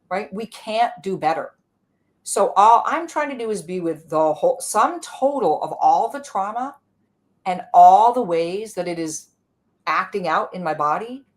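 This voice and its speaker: Casual woman teacher explaining, "right?"-heavy. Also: on the low side. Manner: casual, many "like" and "right?" checks. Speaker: guest, inner-healing teacher. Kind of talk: conversational explanation in an interview.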